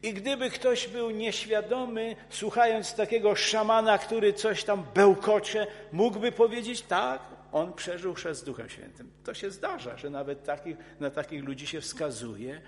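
A man preaching a sermon in an earnest, emphatic way, often restarting his words and rising into forceful outbursts. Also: sits high. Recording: long hall reverb.

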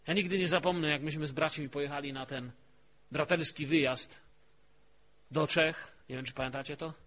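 A man preaching a sermon in a storytelling way, dropping to a hush and then rising to emphatic peaks. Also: on the high side, fairly even intonation, moderate pace. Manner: storytelling, swings from hushed to emphatic. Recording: dull lo-fi recording.

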